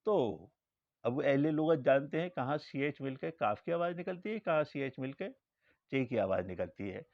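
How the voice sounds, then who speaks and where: A man's voice: medium pitch, animated, vocal fry, no echo. A man giving a religious lecture as an Islamic scholar, telling anecdotes and acting out the dialogue in them. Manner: storytelling, acts out dialogue in quoted lines. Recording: dull lo-fi recording.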